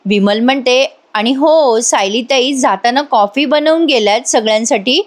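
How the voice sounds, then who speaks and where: A woman with a fairly high voice gives a voice-over recap of a TV serial. She talks straight to her viewers in a chatty way, laughs often, and acts out the characters' lines. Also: normal speed. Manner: addresses viewers directly. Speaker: TV serial reviewer.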